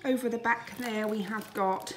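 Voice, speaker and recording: With a slightly high voice, steady tone, and moderate pace, a British woman in her thirties narrates her grocery haul. This UK family vlogger records indoors in her home dining room, with a little hiss or hum audible.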